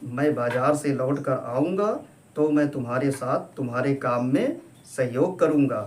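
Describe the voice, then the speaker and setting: A man voicing an affectionate middle-aged husband, gentle and coaxing, in a storybook reading. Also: medium pitch, unhurried, a little hiss or hum, lightly acted. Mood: tender.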